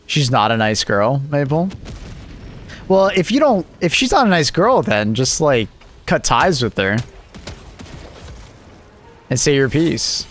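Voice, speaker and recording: A man's voice: medium pitch, very animated, slow, pauses often, a bit bright, a little hiss or hum. A man live streaming, chatting casually with his viewers and reacting to their messages with joking, rambling asides.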